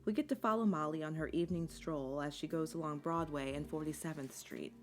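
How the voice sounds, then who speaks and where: A woman giving scripted documentary narration in a measured, articulate storytelling manner. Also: low-pitched. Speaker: video essay narrator. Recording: music bed under the voice. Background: instrumental music.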